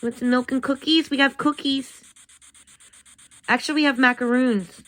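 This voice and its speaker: A woman hosting a spirit box session, talking casually in a gentle, chatty, coaxing way as she asks questions. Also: high voice, fairly even intonation, moderate pace, low-quality recording.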